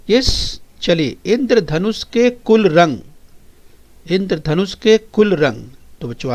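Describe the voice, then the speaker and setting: High, slow-speaking man teaching children. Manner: slow and drawn out, singing a poem then drilling words for children to repeat; coaxing, addresses the children directly and often. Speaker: primary school teacher. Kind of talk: recorded video lesson for young children.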